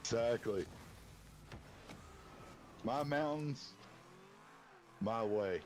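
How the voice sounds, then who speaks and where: A man with a bassy voice, chatting casually while gaming, laid-back and dryly teasing. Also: drawn-out words, darkish tone, a little hiss or hum. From East Tennessee. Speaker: gamer.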